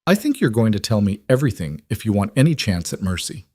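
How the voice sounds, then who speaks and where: A man doing a stern werewolf king, grim and protective, measured and low, in a close, dry storytelling read with no room sound. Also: sing-song, dark tone, no echo.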